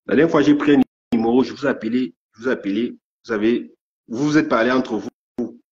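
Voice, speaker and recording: A man's voice: mid-range voice, fairly quick, background noise. A man ranting angrily on a live stream, stammering and repeating his threats. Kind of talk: angry live rant. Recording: dull lo-fi stream audio.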